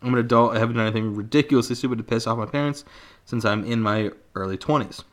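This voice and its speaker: A man's voice: medium pitch, fast. Chill guy in his 20s reading some story on a podcast, laughs a bunch, swears a lot. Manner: laid-back, laughs often, swears casually.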